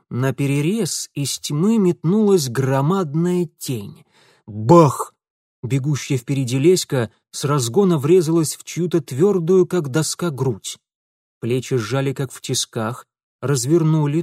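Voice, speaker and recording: Male audiobook narrator; dramatic, lively delivery, slightly high, dry recording. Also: no echo.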